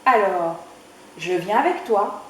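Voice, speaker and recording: Lady doing a chill talking river for a kids' story, slow, echoey. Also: medium pitch, expressive, a bit bright, slight background noise. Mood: matter-of-fact. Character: talking river, calm and protective. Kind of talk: children's storybook reading. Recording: echoey room.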